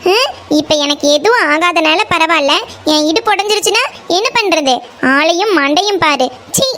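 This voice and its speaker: A woman voicing a sharp-tongued, hot-tempered young village girl in a cartoon, speaking with a Coimbatore Tamil accent and scolding with a string of insults. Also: extremely high pitch, animated, moderate pace. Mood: furious. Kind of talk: cartoon voice acting.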